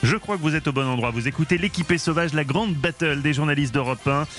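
Man, radio host, jokey, brisk, a bit high, faint music behind. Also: a bit bright. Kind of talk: radio show hosting.

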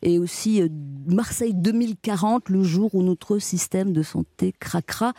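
A radio host interviewing a guest and announcing what comes next, with brisk delivery. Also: medium pitch, dark tone, dry recording.

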